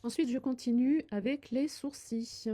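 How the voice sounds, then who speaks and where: In this makeup tutorial, a beauty vlogger, an older woman, shows her routine as she speaks. Her high, dark voice stays steady at a measured pace, and her warm tips to viewers are tentative and packed with filler words.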